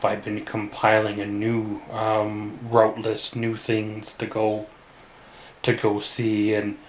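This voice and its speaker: A man from Canada rambling through a casual solo vlog in a weary, subdued way, halting often with long pauses. The recording is roomy and echoey. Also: lowish voice, slight background noise. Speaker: vlogger.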